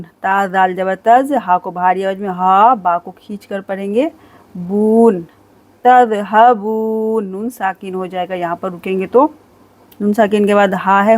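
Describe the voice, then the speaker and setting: A woman teaching Quran recitation rules, reciting each phrase slowly and drawn out, then explaining each rule in quick, patient instructions. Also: mid-range voice, a little mellow. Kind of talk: tajweed lesson, recitation with explanation.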